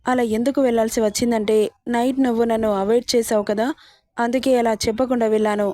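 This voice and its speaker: A woman voicing a playful young wife who coaxes and teases, pleading in a soft, natural voice. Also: a little high, flat delivery, quick pace, dry recording, studio quality, close to an everyday voice. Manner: coaxing, teasing.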